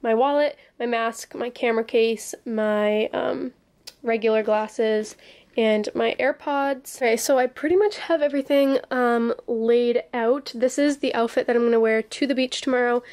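A woman's voice: a little high, fairly even intonation, moderate pace, darkish tone. Chatty young woman vlogging in her bedroom. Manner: chatty, lots of ums and likes. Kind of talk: casual vlog chat. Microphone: handheld camera at arm's length.

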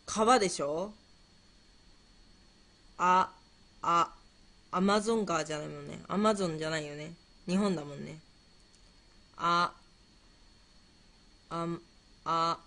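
A woman's voice: fairly low pitch, measured pace, long pauses, fairly bright tone. A woman hosting a casual livestream, playfully fumbling through quiz questions and chatting with viewers, musing aloud and repeating herself. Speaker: livestream host.

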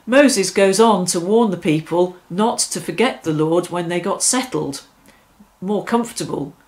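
In a small furnished room, a middle-aged woman who leads church worship offers a devotional reflection and guides a prayer. Her lowish voice is a little mellow, and she moves slowly, reverently, choosing each phrase with care.

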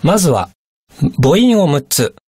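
Man teaching in a lively, animated voice. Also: on the high side, slightly rough, dry recording, clean studio sound. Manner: polite, measured explanation. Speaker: language teacher. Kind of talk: radio language lesson.

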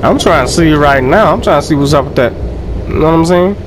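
A young man giving loud, profane, joking let's play commentary and laughing often. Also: fairly high pitch, fast, noisy background. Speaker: gameplay commentator.

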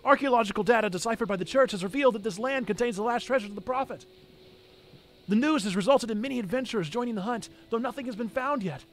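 A man's voice: extremely high pitch, fast, voice pushed up. A man voicing a priest who narrates an expedition's backstory in a video game. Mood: earnest, storytelling.

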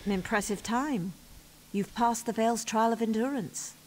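A woman's voice: fairly high pitch, measured pace, noisy background, lightly acted. A woman voicing a brusque race official. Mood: brisk. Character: brisk female officer running a race trial.

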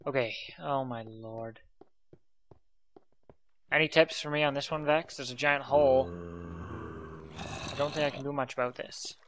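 A man's voice: mid-range voice, steady tone, measured pace, pauses often, background noise. A man giving casual gameplay commentary, exasperated, muttering to himself and sighing often. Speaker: let's play commentator.

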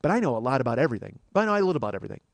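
A middle-aged man, hosting a comedy podcast, spills out a rambling, profane comic monologue in casual chat, jumping into digressions and getting fired up. His mid-range voice is sing-song and racing, and the recording is dry.

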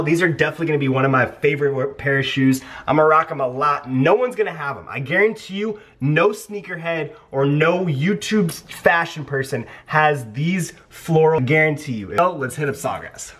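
A man's voice: a little high, slightly rough, no echo. Hyped young man vlogging through mall stores. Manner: excited, hyped sneakerhead talk. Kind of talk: casual shopping vlog. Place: large indoor retail stores at a mall. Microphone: handheld camera.

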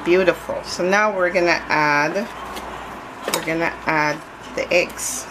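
A woman speaking slowly and steadily, her voice on the low side, walks viewers through a home baking recipe in a relaxed, chatty way, frequently starting over mid-thought. The camera looks down on her kitchen counter, and a noisy hand mixer runs loudly in the clip.

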